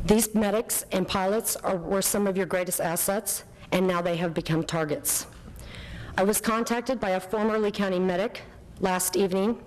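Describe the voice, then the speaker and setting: A woman who is losing her voice and clearing her throat reads a prepared public statement at a government meeting. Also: medium pitch. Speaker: member of the public giving comment. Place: large indoor government meeting room. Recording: echoey meeting hall.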